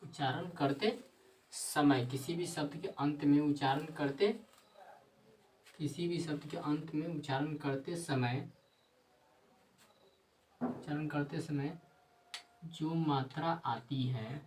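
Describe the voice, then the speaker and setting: A man teaching a grammar lesson, repeating himself and answering his own questions, sometimes dictating slowly word by word. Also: a little high, fairly even intonation, darkish tone, far from the mic, slight background noise, low-quality recording.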